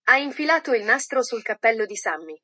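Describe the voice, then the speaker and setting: A woman reading a children's storybook aloud in a gentle, measured way. Her voice sits a little higher than most women's. The delivery is calm, steady and scripted. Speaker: audiobook narrator.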